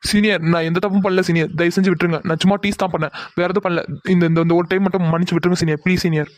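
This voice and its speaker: A man's voice: high voice, level tone, rapid-fire, no echo, natural voice. A man voicing a young male college bully in a cartoon drama, taunting and coaxing a girl, then whining and begging when he is caught.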